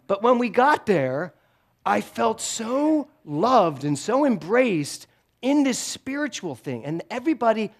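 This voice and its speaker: Animated, laughing man giving a sermon. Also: sits high. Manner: animated storytelling with frequent laughter; conversational and self-deprecating. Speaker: guest speaker at a spiritual center.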